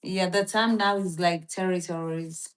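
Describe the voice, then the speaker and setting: A livestream host from the Philippines speaks in a lowish, steady voice, a little slowly. She chats casually, rambling and thinking aloud with lots of fillers. She also reads from a search as she goes.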